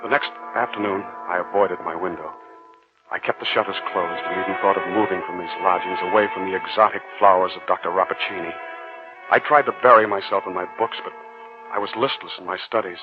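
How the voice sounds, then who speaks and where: This is 1940s radio acting: a young adult male plays an earnest, romantic medical student, smitten and uneasy, giving brooding first-person narration. He speaks courteously and measuredly in a low, steady, natural voice, recorded muffled with music behind.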